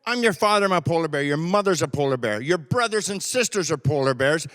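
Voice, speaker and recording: A man's voice: sits high, animated, quick pace, a bit bright, clear, resonant tone, pitched above the performer's own voice. A man voicing an exasperated male polar bear father in a spoken joke, talking in an insistent, increasingly fed-up way.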